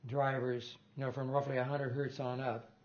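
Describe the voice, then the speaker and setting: The audio is dull as an older man speaks in a flat, mid-range voice at normal speed. He is a guest lecturer on loudspeaker design giving a relaxed technical talk in a lecture room, meandering and amending his statements with small chuckles.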